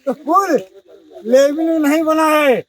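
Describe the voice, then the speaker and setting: A man's voice: extremely high pitch, fairly even intonation, measured pace, far from the mic, low-quality recording. A distressed village man talking outdoors by floodwater, despairing and repeating himself.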